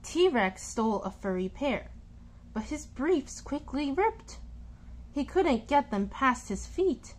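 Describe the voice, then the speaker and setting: A high-voiced woman reads a children's picture book aloud, telling the story in an expressive, deliberate way and stressing key words.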